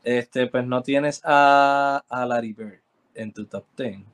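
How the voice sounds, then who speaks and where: A man co-hosting a casual sports debate, asking probing questions and cutting in with quick remarks. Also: medium pitch, steady tone, clean tone. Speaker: podcast co-host.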